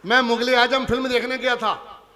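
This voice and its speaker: A man's voice: very high-pitched, little pitch movement, normal speed, sharp tone, in a large hall, a faint crowd. A man with a Punjabi accent, a comic poet on stage, teasing and chatting with a live audience. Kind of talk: stand-up comic poetry recital. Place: large hall before a live audience.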